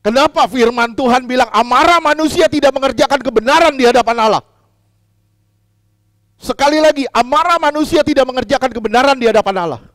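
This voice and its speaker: High-voiced preacher. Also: male voice, brisk, no echo, studio quality. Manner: asks the congregation questions, repeats key lines; swings between loud emphatic lines and quiet low asides. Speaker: pastor. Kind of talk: sermon.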